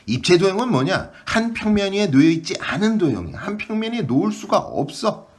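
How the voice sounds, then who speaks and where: Lively Korean math teacher, question-and-answer style. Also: male voice, high-pitched. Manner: quick question-and-answer explaining. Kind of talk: online math lesson.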